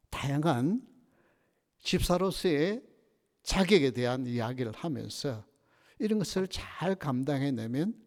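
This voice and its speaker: A male pastor delivering a Sunday sermon with lively storytelling and frequent rhetorical questions. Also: medium pitch. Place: church sanctuary. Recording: reverberant church sanctuary.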